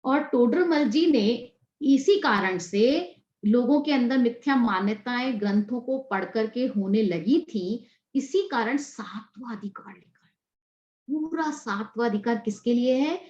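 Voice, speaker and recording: A woman's voice: on the high side, a little slow, darkish tone, reverberant, muffled recording. A woman teacher explaining scripture to students, asking and answering her own questions. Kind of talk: scripture class lecture.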